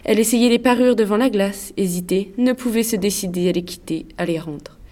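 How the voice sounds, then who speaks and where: A woman giving a measured, scripted narration of a classic story. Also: mid-range voice, dark tone.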